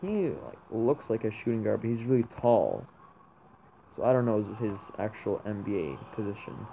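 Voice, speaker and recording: A young man giving excited commentary over a mobile basketball game he plays, often bursting out at big plays. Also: lowish voice, normal speed, creaky. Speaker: gaming YouTuber. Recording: tinny lo-fi mic with faint noise.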